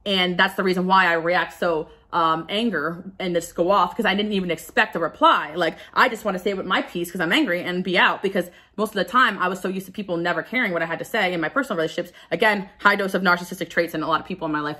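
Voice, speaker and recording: A woman's voice: on the low side, fast talker, few pauses, sharp tone. A woman giving a casual pick-a-card tarot reading, candid and confessional, who often stumbles over her words.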